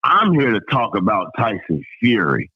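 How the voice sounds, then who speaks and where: A man's voice: fairly low pitch, huge pitch swings, normal speed, breathy edge, dry recording. Male caller, drawl, emphatic slangy ranting with swearing, dry and very narrow phone sound. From Alabama, United States. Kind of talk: casual opinionated phone-in rant. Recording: tinny phone-line audio, radio-like.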